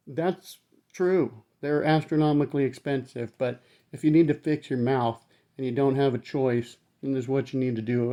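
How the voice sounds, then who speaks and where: A man's voice: mid-range voice, mellow. Blunt, rambling man with numb-mouthed speech. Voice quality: numb-mouthed speech from temporary teeth after surgery. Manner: rambling, blunt, swears freely. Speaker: vlogger recounting his dental surgery. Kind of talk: casual talk to camera.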